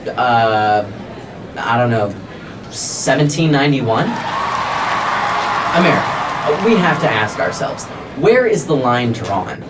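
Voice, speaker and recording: A man delivers a scripted political satire monologue in the manner of a parody news anchor. His voice sits at an average pitch, and he is sarcastic and rhetorical. The recording is noisy, with the microphone at some distance.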